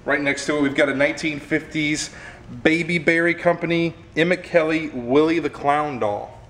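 A man's voice: fairly high pitch, fairly even intonation, moderate pace, fairly bright tone, a little hiss or hum. A young man hosting an auction preview, walking through a warehouse showroom and presenting items one by one in an upbeat way. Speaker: auction host. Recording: echoey warehouse room, faint ambience.

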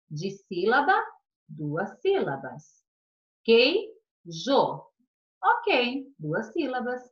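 A Brazilian woman teaches young children in a patient, sing-song way, her fairly high voice rising and falling. The recording sounds muffled and lo-fi. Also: fairly bright tone. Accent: Brazilian Portuguese. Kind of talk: online class lesson.

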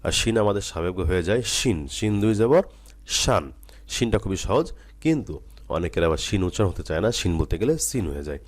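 A deep-voiced man teaches Quran reading. He drills each letter sound slowly and over and over, then breaks into brisker explanation. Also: lively intonation. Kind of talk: slow drilled recitation lesson.

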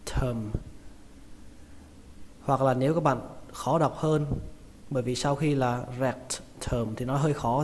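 A man with a Vietnamese accent teaching English pronunciation, repeating each word slowly and stressing its syllables. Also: medium pitch, darkish tone. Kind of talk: pronunciation lesson. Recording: reverberant room with faint noise.

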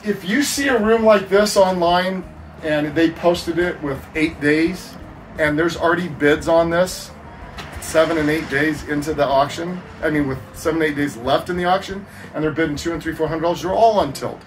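A middle-aged man hosting a storage-auction video, explaining tips in an animated, gesturing way outdoors at a metal storage unit. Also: a little high, normal speed, faint music behind, poor audio. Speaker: storage unit reseller and host. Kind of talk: casual on-camera explaining. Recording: noticeable outdoor background noise.

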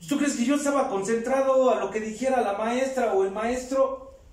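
A man's voice: very high voice, moderate pace, a little mellow. A man with a Mexican accent giving an emotional personal testimony at a recovery group meeting, speaking straight to the group. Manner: impassioned, addresses the group directly as "compañeros" and "güey". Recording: very echoey hall, voice heard from far off.

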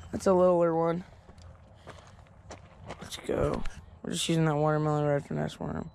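A young man talks excitedly to his viewers while fishing at a pond, his voice picked up by a head-mounted action camera. The outdoor audio is noisy, with clear background sound under his words. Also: on the high side, moderate pace. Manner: excited, addresses viewers as guys. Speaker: fishing vlogger. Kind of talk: casual outdoor fishing vlog. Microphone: head-mounted action camera, later a phone.

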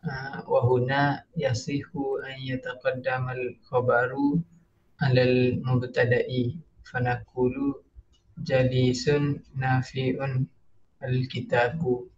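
A man's voice: mid-range voice, takes it slowly, muffled recording. A man, a student reading aloud and translating word by word, hesitantly.

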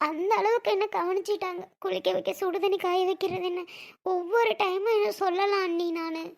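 A woman's voice: very high voice, steady tone, brisk, gravelly. A woman playing a tearful young daughter-in-law in a casual family skit, pleading and close to tears. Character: tearful young wife, fond of her mother-in-law.

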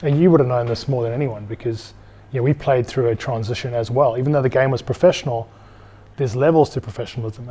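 Male interview guest from South Africa, thirties, dark relaxed tone, thoughtful and articulate conversational delivery. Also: mid-range voice. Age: 30s. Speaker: interview guest, former professional rugby player. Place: indoors in an empty bar. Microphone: clip-on lapel mic.

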